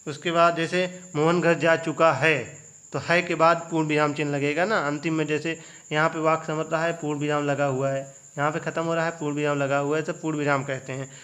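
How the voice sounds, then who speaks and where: A man's voice: fairly high pitch, flat delivery, fairly quick, fairly bright tone. A young male teacher giving an exam revision lecture, putting questions to the students and then answering them himself. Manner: asks students rhetorical check questions.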